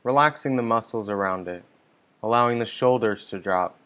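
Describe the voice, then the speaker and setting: A man leading a guided meditation online, giving calm, gentle, unhurried instructions. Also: lowish voice, clean tone. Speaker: meditation teacher. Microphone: online stream mic.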